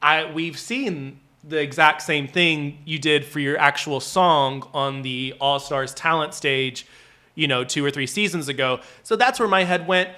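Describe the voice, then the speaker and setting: A man's voice: fairly high pitch, measured pace, bright, forceful tone. A man co-hosting a casual review chat, talking in a chatty, loose way full of "like" and quoted asides. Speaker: reality show review co-host.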